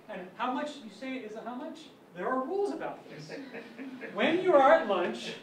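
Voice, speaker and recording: Guy with a higher voice telling funny stories in a lecture, sounds far off in a big echoey hall. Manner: chatty, anecdotal, self-amused. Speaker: physics colloquium speaker. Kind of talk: informal academic lecture. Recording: echoey lecture hall, mic at a distance, faint hum.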